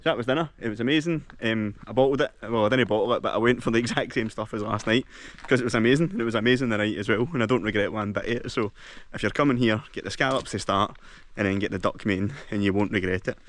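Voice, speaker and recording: A man's voice: on the low side, fast talker, a bit bright. A man with a Scottish accent, chatting casually and enthusiastically as a travel vlogger while walking around a lodge and lochside. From Scotland. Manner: chatty and enthusiastic, heavy on local slang.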